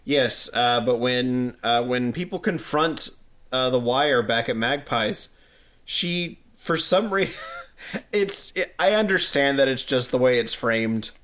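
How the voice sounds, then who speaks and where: A man co-hosting a podcast, chatting casually about a TV episode, halting and giggly. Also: medium pitch, animated, fairly bright tone. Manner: giggly, halting, often acting out silly voices. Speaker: podcast co-host.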